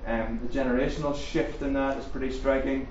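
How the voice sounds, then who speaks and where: Speaking in a steady, medium-pitched voice that is a little mellow, a middle-aged man with a Northern Irish accent gives a fast, jokey seminar talk on faith and culture, full of ums and questions to the room. The live audience fills a large echoey room, and the recording is distant, dull, and roomy with faint hiss.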